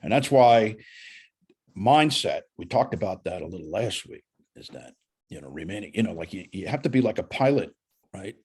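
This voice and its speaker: A middle-aged man with a husky voice, coaching a student one-on-one on sales calls in a folksy, animated way. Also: deep voice, moderate pace. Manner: animated, folksy, uses analogies.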